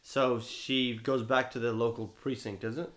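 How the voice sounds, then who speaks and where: A man's voice: mid-range voice, little pitch movement, normal speed, a bit bright. A man brainstorming a story in casual chat, rambling and loose, filling his talk with "like" and "you know". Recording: roomy echo.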